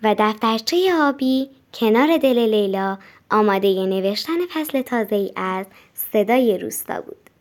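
A woman narrating a children's audiobook in a gentle, even storytelling manner. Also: mid-range voice.

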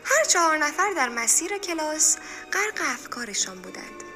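A woman's voice: high voice, big pitch swings. A woman narrating a story expressively. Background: music.

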